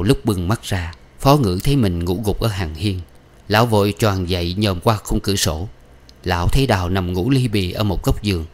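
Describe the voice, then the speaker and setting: A man narrating a novel as an audiobook reader, in a steady, even storytelling manner. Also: lowish voice.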